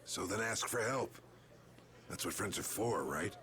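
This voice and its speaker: A man playing a gruff, stoic old guild boss in a video game, speaking with blunt, folksy authority. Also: fairly low pitch, expressive, unhurried. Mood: fatherly, firm. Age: older. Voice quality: gruff, gravelly. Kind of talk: dramatic video game dialogue. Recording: game audio with loud music.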